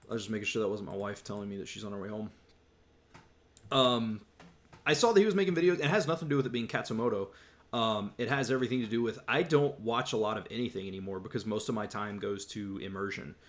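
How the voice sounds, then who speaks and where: A young man answers viewer questions in a casual YouTube livestream, rambling and restarting as he reads from chat. His voice is mid-range and a bit bright.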